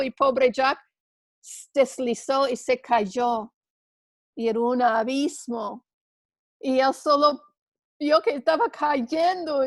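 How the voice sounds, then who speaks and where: A woman's voice: sits high, no echo, clean studio sound. A woman teaching a church women's class, earnest and telling a story with small restarts.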